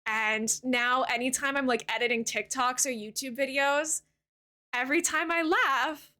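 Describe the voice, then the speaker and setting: A Twitch streamer in her thirties chats casually with her live-stream audience in a very high, bright, ringing voice. She rambles, leans heavily on "like," and warmly thanks new followers, keeping an open, conversational tone. Her delivery is steady and unhurried.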